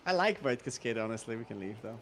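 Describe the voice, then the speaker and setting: Chill guy streaming a game, mid voice, bit of game noise behind, laughs a lot. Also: mid-range voice. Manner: relaxed, rambling, quick to laugh. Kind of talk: casual gaming chat.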